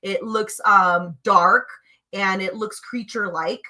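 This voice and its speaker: A woman guest telling personal spiritual stories in an animated, emphatic way, swinging between hushed and loud. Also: medium pitch, takes it slowly. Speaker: guest sharing spiritual experiences. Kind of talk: conversational storytelling.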